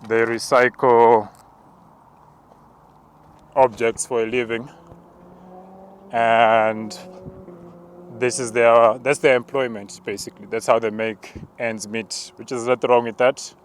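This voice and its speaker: A man preacher walking outdoors and narrating spiritual visions in a hushed, halting, contemplative way. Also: mid-range voice, flat delivery, clear, resonant tone. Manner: slow, hushed, halting and contemplative, with tongues-like words. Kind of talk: spoken prayer walk, narrated visions.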